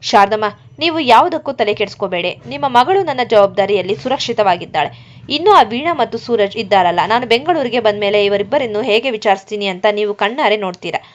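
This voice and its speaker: A woman's voice: medium pitch, expressive, a little fast, close to an everyday voice. A woman reading the lines of a rich, protective young male businessman, grave and reassuring, in a dull lo-fi recording.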